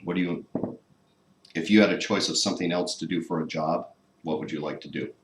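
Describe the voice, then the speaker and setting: A man's voice: low voice, fairly even intonation, a little fast. A man hosting an interview, asking wry, teasing questions in a casual way. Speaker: interviewer host. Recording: echoey room with faint noise.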